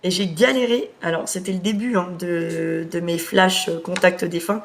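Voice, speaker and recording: A woman medium hosting a live stream, talking casually with many hesitant fillers as she briskly relays messages. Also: on the low side, fairly even intonation, gravelly, a little hiss or hum.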